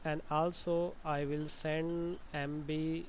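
A man presenting an informal software tutorial, explaining step by step in a hesitant, repetitive way. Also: a little high, level tone, takes it slowly, slight background noise.

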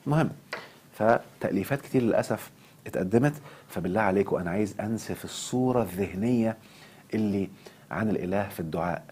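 A man with an Egyptian Arabic accent giving an impassioned self-development lecture, animated and quick to swing into mock outrage. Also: lowish voice, slight background noise.

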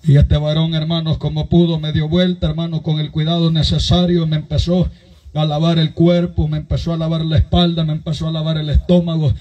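A man's voice: fairly high pitch, flat delivery, fairly quick, warm tone, highs cut off. A man preaching a fervent sermon, with a strong voice and constant calls to his "brothers.". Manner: impassioned, repeatedly addressing listeners as brothers. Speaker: pastor.

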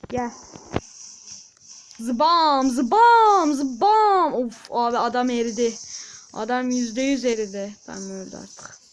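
A woman with a voice on the high side hosts a channel and gives casual commentary while playing a game. She is excitable, breaking into frustrated outbursts and shouting sound effects.

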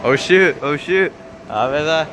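A young man with a slightly high voice speaks at a measured pace, filming his coworkers on a phone across a large indoor warehouse floor. His vlog chatter is casual and teasing, and he laughs often. The handheld phone camera picks up noisy warehouse ambience.

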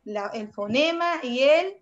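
A woman's voice: sits high, animated, slow pace. A woman teaching a secondary school language class online, patient and affectionate but firm with her students. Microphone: computer mic on a video call. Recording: dull, lo-fi video call audio.

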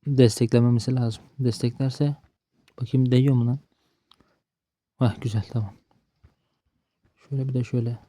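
A man mutters and grumbles as he plays, cursing bad luck in a casual running commentary. His voice is very dark and mellow, recorded dry and close with no room sound. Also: mid-range voice, fairly even intonation, normal speed, pauses often, no echo. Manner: frustrated, swearing at the game, talking to himself. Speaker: gaming streamer.

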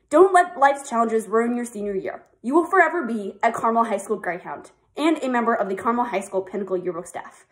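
A teenage girl on a yearbook staff, giving an earnest, upbeat video address and reading a heartfelt speech. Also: a little high. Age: teens.

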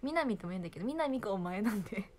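A woman's voice: medium pitch, lively intonation, rapid-fire, darkish tone, a little hiss or hum. A young woman, chatting casually and giggling on a phone livestream. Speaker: idol livestreaming to fans.

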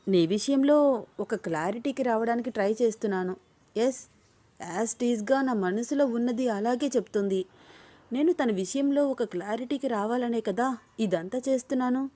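A woman's voice: a little high, dark tone, natural voice. A woman reading a story, voicing a young man who teases the woman he is falling for. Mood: musing. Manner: playful, teasing questions. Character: young man, teasing, smitten office boss.

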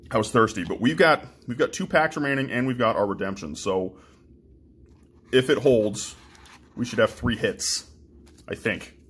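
A man's voice: medium pitch, a bit bright, breathy edge. A young man casually chatting and swearing as he opens trading card packs, with lots of ums and restarts. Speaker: card-breaking channel host. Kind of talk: casual card-opening commentary.

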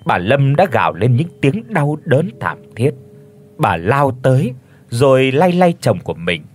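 A male narrator reading a ghost story with a theatrical, tense delivery. His voice moves lively up and down at a middle pitch. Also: unhurried, faint music behind. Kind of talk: dramatic horror storytelling.

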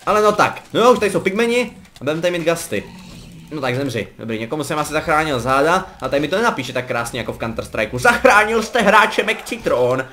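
A young man talks his way through a game session in a relaxed, rambling way, his voice sitting a little high. He jokes with his viewers and jumps into sudden excited yelps when the action turns against him. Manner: chatty, joking, rambling, breaks into excited yelps. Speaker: gaming commentator. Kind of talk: casual gameplay commentary.

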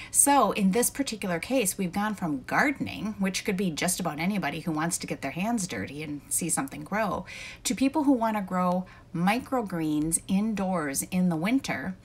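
Low-voiced woman coaching course creators. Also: husky. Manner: conversational, explains with everyday examples. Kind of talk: casual explainer talk to camera.

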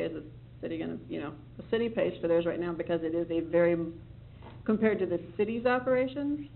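Speaking in a creaky, medium-pitched voice, a city employee updates a board in a meeting room, wandering off track and self-correcting but sounding calm and reassuring. A little hiss or hum runs through the tinny, low-fidelity recording, with faint room ambience.

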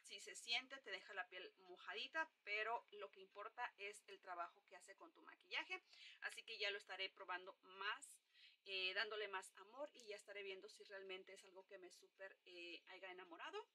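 A woman's voice: medium pitch, moderate pace, pushed and bright. A young woman, chatting casually through a makeup review with lots of hesitant fillers. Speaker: makeup vlogger. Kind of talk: casual product review chat.

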